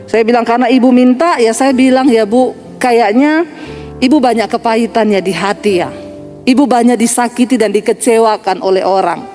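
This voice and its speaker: Lively high-voiced Indonesian woman pastor preaching. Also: normal speed, faint music behind. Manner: animated storytelling, addresses listeners as "Saudara". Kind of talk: sermon.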